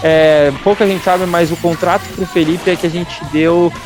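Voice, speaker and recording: A Brazilian man speaks as a podcast host in a rather high male voice. He is conversational and informal, often ending phrases with little tag questions. Faint music runs behind him. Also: steady tone, normal speed. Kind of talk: casual podcast hosting. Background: background music.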